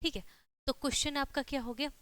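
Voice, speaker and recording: Woman, teacher, online exam-prep lesson, rhetorical questions, very bright tone, dry close sound. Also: high-pitched, steady tone, quick pace, no echo. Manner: repeats "ठीक है" and rhetorical questions, explaining step by step.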